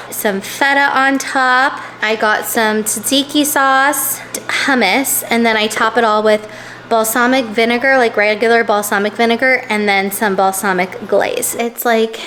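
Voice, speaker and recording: A woman's voice: on the high side, a bit bright, a little hiss or hum. A woman vlogging in a casual, chatty way, laughing often and filling her talk with "like". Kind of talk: casual vlog chat.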